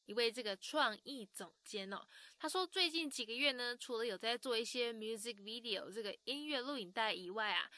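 A woman hosts a language lesson in a bright, fairly high voice. She explains pronunciation like a teacher and slows down to model each example word. The sound is dry and close to the mic. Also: dry recording. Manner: lively, teacherly, models words slowly. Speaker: language-learning show host.

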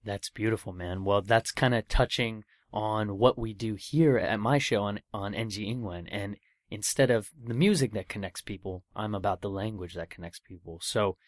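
Guy hosting a radio show, kinda low voice, friendly joking interviewer, dry close mic. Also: normal speed, no room sound. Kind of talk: casual interview chat.

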